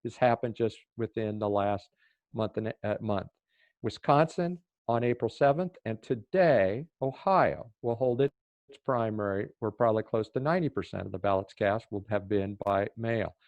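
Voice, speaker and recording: An older man from Oregon, a former official on a panel, explaining at length in a measured way, with some fillers and restarts. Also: lowish voice, no echo, highs cut off. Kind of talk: panel discussion answer.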